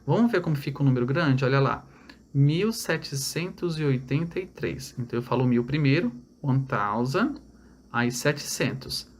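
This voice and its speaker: A man's voice: medium pitch, animated. A man from Brazil giving an online English lesson, explaining step by step and checking in with his students. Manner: explains step by step, repeats numbers slowly in English; checks in with "tá?" and "olha lá". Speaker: English teacher.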